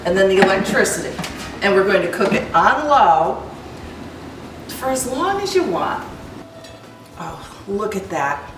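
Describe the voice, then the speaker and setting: A woman hosting a cooking demonstration, explaining each step in a chatty, unhurried way. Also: medium pitch, big pitch swings, far from the mic, noisy background. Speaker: cooking host. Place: kitchen. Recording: echoey kitchen, from afar, light music.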